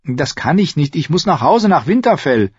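A man's voice: very animated, moderate pace, breathy edge, no room sound, dull audio. A man doing a fierce young girl. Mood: insistent. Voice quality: high, strained girlish voice. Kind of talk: audiobook character voice.

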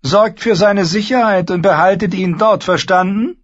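A man voicing a sharp-tongued dwarf lord giving curt orders in battle. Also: sits high, normal speed, pitched above the performer's own voice. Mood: commanding. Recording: slightly dull lo-fi recording.

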